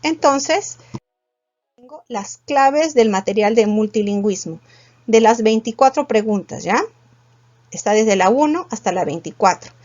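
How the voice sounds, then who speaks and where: A woman's voice: fairly high pitch, expressive, a little slow, a little mellow. A woman, teaching a class and working through exam questions patiently, step by step, asking her students questions. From Peru. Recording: dull lo-fi sound.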